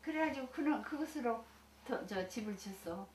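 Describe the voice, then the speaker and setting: A woman's voice: a little high, expressive, moderate pace. An older woman, a senior Buddhist minister, telling stories from her life in a folksy, chatty way with frequent laughter. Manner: folksy and chatty, laughs often, many restarts. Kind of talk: recounting life experiences to listeners. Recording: echoey room, distant mic, faint hiss.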